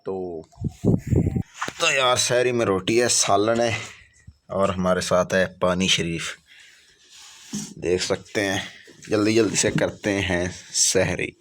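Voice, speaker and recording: Speaking slowly with long pauses, a man with a low, steady, fairly bright voice vlogs casually to camera about his day while walking in a village. He has a Punjabi accent, jokes and chats, and often tells viewers to subscribe. It's a noisy outdoor phone recording, though with no room sound.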